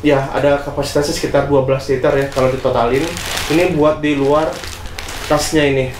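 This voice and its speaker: A man's voice: mid-range voice, little pitch movement, fairly quick, background noise. A young man casually reviewing a camping bag in a small gear-filled room, chatty with lots of fillers and tag questions. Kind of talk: casual product unboxing. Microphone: camera on tripod, seated. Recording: echoey room with faint music.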